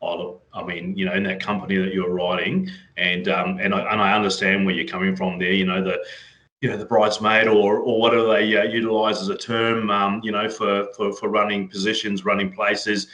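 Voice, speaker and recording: A man's voice: fairly low pitch, level tone, a little fast, sharp tone, poor audio. A man interviewing a cyclist, asking long rambling questions full of "you know" and "um". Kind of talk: casual interview.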